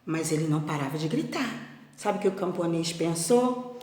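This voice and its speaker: A woman, a primary school teacher telling a story to children in a gentle, expressive way, often asking them questions. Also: low voice, moderate pace. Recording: echoey room with long reverb.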